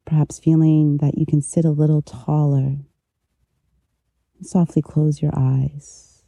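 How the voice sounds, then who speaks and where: A meditation teacher guiding relaxation gently, with a soft, intimate delivery right in the listener's ear. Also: medium pitch, flat delivery, creaky, no room sound. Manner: slow, unhurried, gentle pauses. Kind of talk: guided meditation, soothing instruction.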